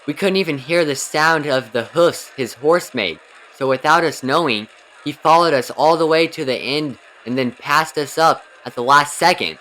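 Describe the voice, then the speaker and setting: A man's voice: a little high, moderate pace, sharp tone, low-quality recording. A man voicing an earnest young horse racer in an emphatic, overacted anime fan dub, explaining as he goes. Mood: earnest, concerned.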